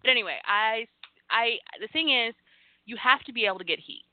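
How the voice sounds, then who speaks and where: A woman co-hosting a casual wrestling podcast, animated and sassy, acting out fan reactions. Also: on the high side, a little fast, no room sound. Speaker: podcast co-host. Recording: thin phone-like line.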